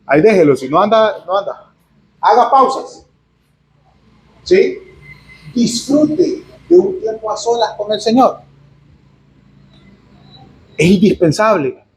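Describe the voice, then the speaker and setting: A man's voice: high voice, expressive, slow, long pauses, reverberant, a little hiss or hum, poor audio. A man preaching a conversational sermon. He reads Bible verses aloud, explains them in a chatty way, keeps checking in with his listeners, and adds humorous asides. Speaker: pastor.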